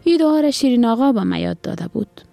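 A woman's voice: on the high side, expressive, creaky, mellow, soft background music, voice pushed up. A woman playing an earnest green-eyed orphan girl with an Afghan Dari accent, her voice raised to sound like a child.

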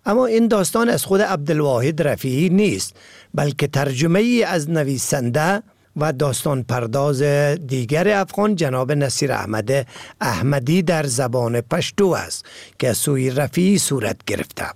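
A man with an Afghan Dari accent introducing a story on a radio culture program in a brisk, formal manner. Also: on the high side, animated, vocal fry, darkish tone, dry recording, studio quality. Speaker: radio culture show host.

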